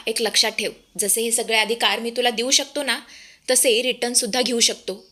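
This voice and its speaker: A woman's voice: on the high side, bright, forceful tone. A woman voicing an angry, commanding man who heads the household. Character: angry authoritative husband, head of house.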